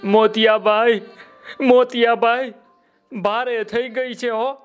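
A man doing a high pleading donkey. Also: fairly even intonation, takes it slowly, fairly bright tone, clean tone, faint music behind, exaggerated voice. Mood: tearful. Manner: pleading, tearful. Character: simple crying male donkey who forgot his bray.

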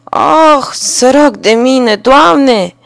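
A woman's voice: mid-range voice, dry recording, natural voice. A woman voicing a ruined, angry peasant carter who wails over his losses in a storybook reading. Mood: lamenting. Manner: wailing laments, loud.

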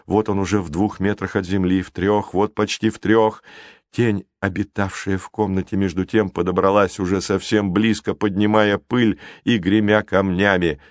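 A man reading an adventure audiobook in a measured, dramatic narration. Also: low-pitched, flat delivery, no room sound, clean studio sound. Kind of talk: scripted storybook narration.

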